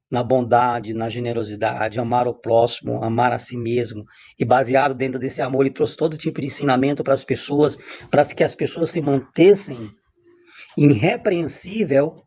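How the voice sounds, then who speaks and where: A religious teacher delivers an unscripted spiritual monologue, emphatic and repetitive, often restarting his sentences. His voice is husky and a little mellow, sitting at medium pitch.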